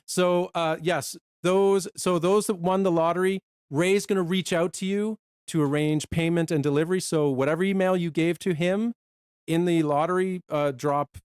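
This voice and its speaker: Man, live stream co-host, chatty casual talk, smooth higher voice, dry close sound. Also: steady tone, a little mellow, dry recording. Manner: chatty, talks fast and runs out of breath.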